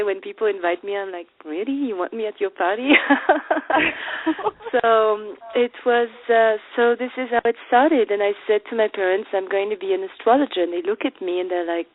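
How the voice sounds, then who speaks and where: A woman's voice: mid-range voice, normal speed, no echo. A woman from Finland, a guest astrologer, telling the story of her life in an interview and laughing as she goes. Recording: dry, phone-like audio.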